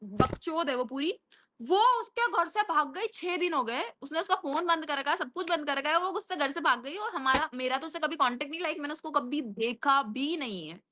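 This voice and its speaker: A young woman telling a story on a video call, fast, profane and animated. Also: high voice. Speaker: stranger on a video chat. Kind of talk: casual storytelling on a video chat.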